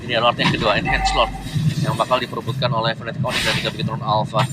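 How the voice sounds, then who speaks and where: A man's voice: mid-range voice, flat delivery, fast talker. A man giving analytical esports commentary on a match. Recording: loud background noise, distant mic.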